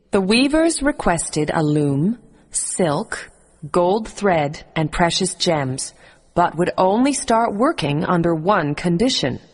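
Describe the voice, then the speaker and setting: With a lowish voice, a woman reads a scripted bedtime story for children, giving it a clear, expressive storybook delivery.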